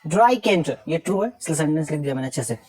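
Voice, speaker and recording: A young man teaching an exam revision lesson, reading questions out slowly, then explaining with casual jokes and teasing scolds. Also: on the high side, lively intonation, a little mellow, breathy edge.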